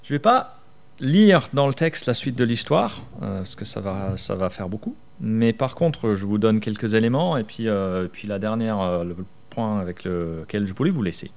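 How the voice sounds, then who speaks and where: A male pastor gives a sermon in a chatty, direct way. He asks his listeners questions and drops into asides. His pitch swings widely and keeps the talk animated. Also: normal speed, gravelly. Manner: conversational, rhetorical questions, acts out worries in whispers.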